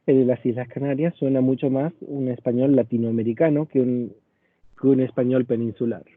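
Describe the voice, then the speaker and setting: A man's voice: mid-range voice, fairly even intonation, a little fast, no room sound. A man from Argentina, a paleography teacher giving an online lecture in a patient, explanatory way and speaking directly to his students. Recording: dry, tinny phone-like audio.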